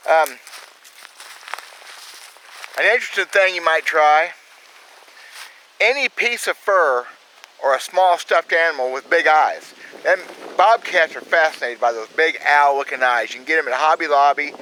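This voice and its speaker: A man's voice: fairly high pitch, a little slow, long pauses, sharp tone, a little hiss or hum, rough recording. A man with a Southern US accent hosting a trapping channel, giving plain-spoken, folksy how-to advice outdoors in the cold countryside. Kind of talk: casual outdoor how-to talk.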